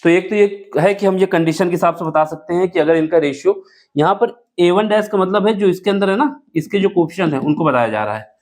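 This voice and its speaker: Higher-pitched man teaching a math lesson. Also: a little fast, darkish tone. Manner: asks rhetorical questions and answers them, self-correcting aloud. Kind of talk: board-exam math lesson, explaining step by step.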